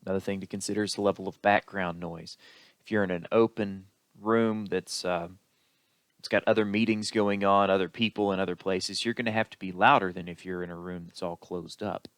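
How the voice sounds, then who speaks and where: Low-voiced man giving a recorded lecture. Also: steady tone, no room sound. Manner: explanatory, unhurried, with occasional fillers. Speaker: instructor.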